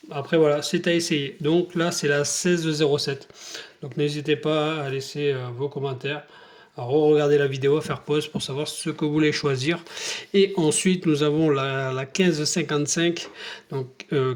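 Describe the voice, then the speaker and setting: Rambling, hesitant French man, high-ish voice. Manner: hesitant, rambling, lots of fillers. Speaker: scale model hobbyist. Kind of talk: casual hobby vlog.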